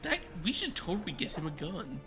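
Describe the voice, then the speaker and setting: A man with a slightly high voice chats casually as a guest on a game stream. Music is clearly heard behind him. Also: big pitch swings, fairly quick. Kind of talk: casual chat.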